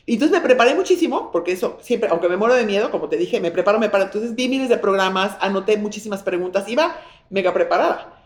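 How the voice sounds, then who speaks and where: Speaking fast and animatedly in a medium-pitched voice, a Mexican-accented woman guests on a casual interview. A businesswoman and author, she's effusive and reflective, frequently restarting sentences, in an echoey room.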